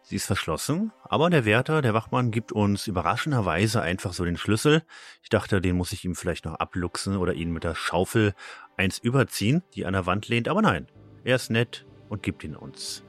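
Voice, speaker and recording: A man hosting a podcast, chatting casually and relaxed about playing a video game. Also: on the low side, fairly quick, faint music behind. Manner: relaxed, laughs at himself. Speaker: podcast host.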